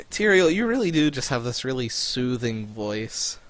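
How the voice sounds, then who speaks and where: Smooth-voiced rambling male co-host. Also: mid-range voice, big pitch swings, unhurried, a bit bright, no echo. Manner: rambling, searches for words. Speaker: podcast co-host. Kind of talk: casual podcast chat.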